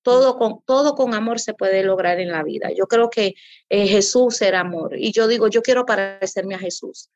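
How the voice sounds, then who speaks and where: A woman's voice: medium pitch, normal speed, darkish tone, dry recording. Earnest woman pastor, dull lo-fi audio. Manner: earnest, preacherly, repeats for emphasis. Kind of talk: interview guest.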